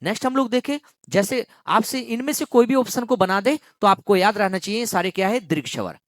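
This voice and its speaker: A grammar teacher drills exam students through a lesson, repeating each key phrase several times and stopping to quiz the class. The voice moves widely in pitch, and it sounds dry and close, with almost no room echo. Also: lively intonation, brisk. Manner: draws out words to demonstrate long vowels.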